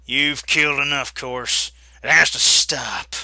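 A man's voice: medium pitch, steady tone, slow, vocal fry, pushed and bright, no room sound, heavily acted. A man voicing a grim, determined male marshal from a storybook game, growling his lines. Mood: angry.

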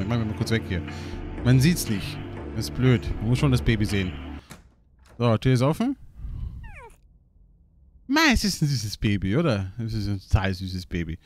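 A young man giving casual, excitable gaming commentary, swearing and laughing often as he plays. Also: mid-range voice, a little fast, pauses often, faint music behind. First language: German. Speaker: let's play gamer.

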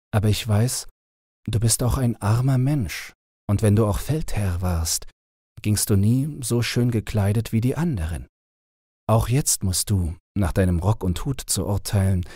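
A man's voice: lowish voice, dark tone, slightly rough, dry recording, studio quality. A man voicing a homesick, pleading young boy in a storybook reading, with an earnest, plaintive manner.

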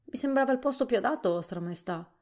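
A woman reading a storybook softly, voicing a nervous, apologetic male soldier. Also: fairly high pitch, lively intonation, quick pace, voice pushed up. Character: timid male soldier with big whiskers.

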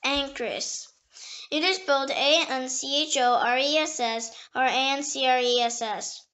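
This dictionary reader is a woman with a high, fairly bright voice and fairly even intonation. She works through the entries slowly and with care, spelling every word letter by letter, occasionally tripping up and restarting a word.

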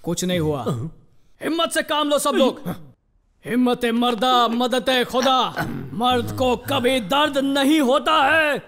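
A man's voice: very high voice, animated, slow pace, a bit bright, exaggerated voice. An actor dubbing a blustering male group leader who makes big rousing speeches but is secretly scared, in a Hindi film dub. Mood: reassuring. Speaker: self-appointed leader of a ghost-hunting group. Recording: film soundtrack with music behind.

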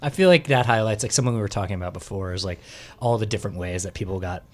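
A young man with a fairly low voice hosts a radio interview from a small studio. He talks casually, with plenty of fillers, close to a studio microphone. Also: very fast. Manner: casual, filler-heavy questions. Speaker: radio show host. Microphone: studio mic with headphones.

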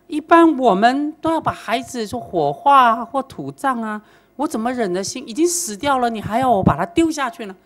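A woman's voice: fairly high pitch, lively intonation, a little fast, voice pushed up. A woman voicing a grieving old fisherman father who pleads emotionally with his teacher. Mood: distressed.

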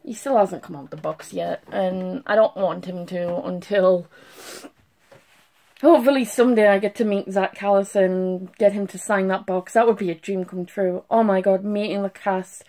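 A young woman speaks at an ordinary pitch, fresh from a cry. She gushes in a casual review style, restarting and trailing off as she goes. She records on a phone at arm's length in a small bedroom. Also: steady tone, normal speed, dark tone. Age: young adult. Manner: emotional gushing with restarts and trailing thoughts. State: has just been crying. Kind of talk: casual video review to camera. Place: small bedroom at home, indoors.

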